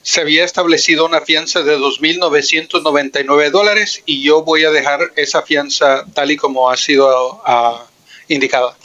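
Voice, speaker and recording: A man interprets live for a court, his translation voice carried in over a muffled, lo-fi line. He talks fast, in a formal, even relay of each statement. His tone is bright and crisp, sitting a little high for a man.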